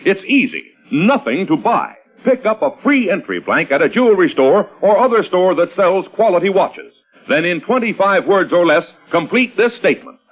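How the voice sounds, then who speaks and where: A man working as a radio announcer, booming out prizes in an emphatic, polished 1950s advertising style. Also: very animated, normal speed. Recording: dull vintage radio recording with music.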